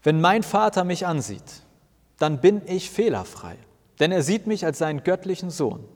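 A man's voice: high voice, big pitch swings, moderate pace, voice pushed up. A man voicing a patient, knowing Jesus. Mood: patient explaining. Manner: patient, explaining. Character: calm, knowingly smiling Jesus, a grown man. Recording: long reverb.

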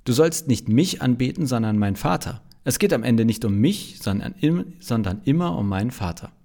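A man voicing Jesus as an earnest young man explaining things gently. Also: mid-range voice, animated, moderate pace, lightly acted. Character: cheerful male Jesus, young adult, earnest.

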